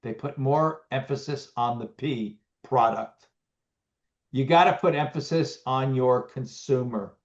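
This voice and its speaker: A man's voice: mid-range voice, measured pace. Middle-aged man, guest on a video call, rambling with restarts, muffled sound. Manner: rambling, many restarts and fillers. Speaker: business owner guest. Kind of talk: casual interview talk. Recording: muffled lo-fi audio.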